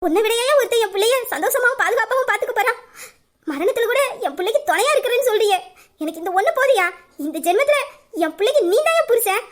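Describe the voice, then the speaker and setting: A woman voicing a middle-aged mother who warmly accepts her future son-in-law, with a high voice and quick, emotional delivery. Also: animated. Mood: tender, grateful. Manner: emotional, tearful-happy, affectionate. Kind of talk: audio drama acting.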